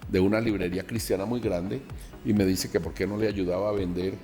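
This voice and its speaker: A man, a pastor from Colombia, recounting a personal testimony and acting out the dialogue in an animated way. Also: sits low, fairly quick, big-room sound, faint music behind.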